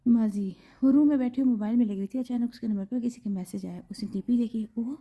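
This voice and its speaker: A woman narrates a romantic audio novel with dramatic storytelling. Her voice sits fairly high and comes through a muffled, lo-fi recording. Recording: slightly dull lo-fi recording.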